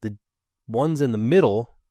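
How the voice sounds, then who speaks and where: A man hosting a podcast in relaxed casual chat, steering the conversation with prompts. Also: medium pitch, unhurried, dry recording, studio quality. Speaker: podcast host.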